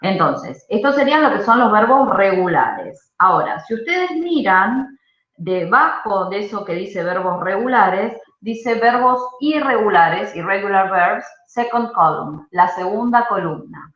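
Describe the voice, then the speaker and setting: A woman teaching an English grammar class online, explaining patiently and often checking in with a quick "¿sí?". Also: mid-range voice, lively intonation, a bit bright. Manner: explanatory, checks understanding with frequent "¿sí?". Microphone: video call. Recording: muffled roomy video-call audio.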